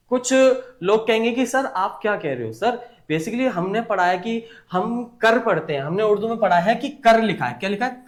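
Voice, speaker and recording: High-voiced man teaching patiently. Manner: patient, asks and answers his own questions. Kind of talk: whiteboard lesson.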